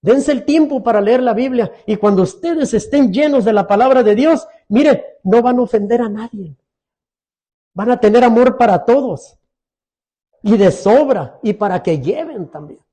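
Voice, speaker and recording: A man's voice: very high-pitched, expressive, normal speed, warm tone. A middle-aged man preaching a sermon as pastor, earnest and pleading, often asking his congregation questions.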